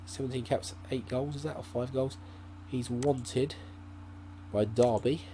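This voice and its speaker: A man with a warm, steady, medium-pitched voice speaks unhurriedly while hosting a gaming channel. His casual let's-play commentary rambles, thought through aloud with many fillers and restarts. He's on a desk mic at his laptop, with a faint hum in the background.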